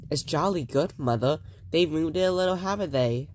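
A man's voice: a little high, moderate pace, a little mellow, a little hiss or hum, pitched above the performer's own voice, natural voice. A man reading the lines of a polite, spoiled rich schoolboy in a prim, well-mannered way.

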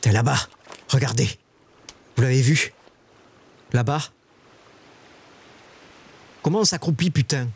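A man streaming a survival game, talking to his chat in casual live commentary and shrieking high when startled. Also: takes it slowly, vocal fry, pauses often, slightly rough.

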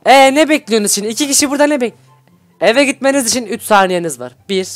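A man hosting a Minecraft role-play, excitable, scolding and shouting at his characters between laughs. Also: very high voice, quick pace, no echo, soft background music. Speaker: YouTube gaming host.

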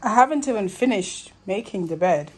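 Animated chatty woman vlogging at home. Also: medium pitch, normal speed, breathy edge. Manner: chatty, playfully scolding. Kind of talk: casual home vlog narration.

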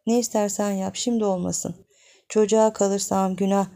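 A young village wife pleads in a frantic hush, her voice pushed high and urgent, as a woman narrator puts her on. The tone stays dark and gravelly underneath, like a storybook reading turned tense. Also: fairly even intonation, normal speed, natural voice. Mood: pleading.

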